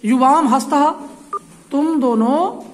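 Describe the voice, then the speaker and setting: A woman with a high voice teaches a grammar lesson at a slow pace, explaining patiently and answering her own questions. The recording comes from an echoey room with long reverb.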